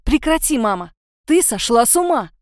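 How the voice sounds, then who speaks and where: A woman reading an audiobook voicing a middle-aged mother who shouts urgently and takes command. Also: expressive, moderate pace, dry recording, studio quality, natural voice. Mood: furious. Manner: loud, high-pitched, urgent.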